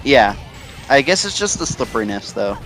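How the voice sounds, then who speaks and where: A man's voice: medium pitch, sing-song, fairly bright tone, soft background music. A man chatting casually as a co-commentator on a gameplay video, talking in stops and starts. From Canada. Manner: halting, talks in stops and starts. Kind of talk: casual gaming chat.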